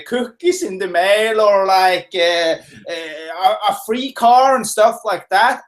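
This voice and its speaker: A Norwegian guest expert with a high, fairly bright voice answers casually in a webinar interview from his home office. He's chatty, with lots of fillers and restarts.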